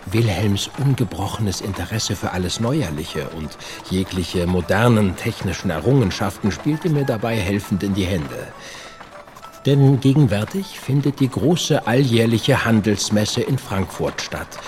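A formal earnest scholar writing to his brother, lowish voice, music behind, radio drama. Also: animated, measured pace. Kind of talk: audio drama acting.

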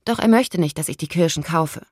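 A woman's voice: sits low, brisk, no room sound, clean studio sound, voice pushed up. A woman voicing a well-behaved young girl in an audiobook, earnest and defensive. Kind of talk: audiobook character voice.

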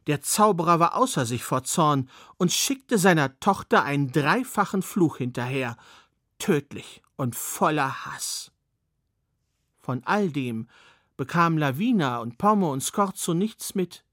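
Lively male fairy-tale storyteller. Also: on the high side, a little slow, no echo, clean studio sound. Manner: warm, personal storyteller asides.

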